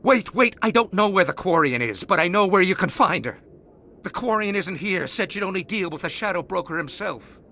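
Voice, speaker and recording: Craven gangster boss, mid-pitched, bright tense voice, defensive, self-serving, video game acting. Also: male voice, normal speed. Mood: panicked pleading. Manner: anxious, pleading, defensive. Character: cowardly, self-serving male crime boss pleading for his life.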